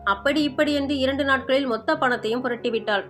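A woman narrating a story in a measured, reflective way. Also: high-pitched, fairly bright tone, soft background music.

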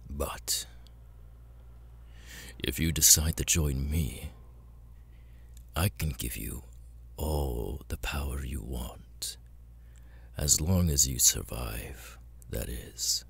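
A bass-voiced man delivers a full character voice as a demon lord in an ASMR roleplay, cold, seductive and menacing yet coaxing. He stays breathy and gravelly, hovering close to a whisper and pausing slowly and deliberately.

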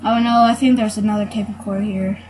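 A woman giving casual let's-play commentary on a horror game, excitable and yelling in fright when chased. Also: medium pitch, quick pace, background noise. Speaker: gamer playing a horror game.

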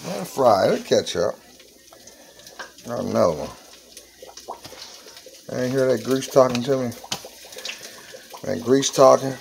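Speaking a little slowly with vocal fry and frequent pauses, a 40-something man from the Southern US hosts a playful, casual cooking vlog in his home kitchen with a countertop fryer. His mid-range voice has lively intonation, and he repeats his exclamations. The rough recording has slight hiss or hum.

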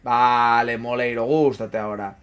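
A young man giving casual commentary while playing a football management game, chatting with viewers, swearing and yelling at big moments, then muttering low. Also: fairly even intonation, measured pace, smooth. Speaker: gaming streamer. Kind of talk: casual live gameplay commentary.

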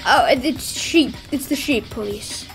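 A woman giving playful, excitable commentary while playing a game, squealing and yelping whenever things go wrong. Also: high-pitched, measured pace, gravelly, soft background music. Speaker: gameplay streamer.

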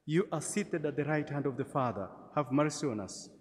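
A man, a priest leading Mass in a measured, gentle way, his voice ringing with cathedral-like church echo. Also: a little high, animated. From Tanzania. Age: 40s. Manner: gentle, measured liturgical delivery with light humor. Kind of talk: celebrating Mass. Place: large church. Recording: long church hall reverb.

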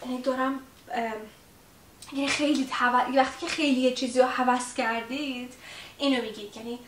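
A woman teaching a casual language lesson in a chatty way, with many fillers, who repeats her example phrases slowly. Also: high voice, fairly even intonation, fairly bright tone. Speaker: English teacher. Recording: roomy echo, distant mic, faint hiss.

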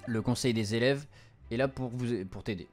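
A young male streamer with a medium-pitched voice translates a game's text aloud as he plays, casual and halting, stumbling over the words on the fly. Music runs underneath his let's-play commentary.

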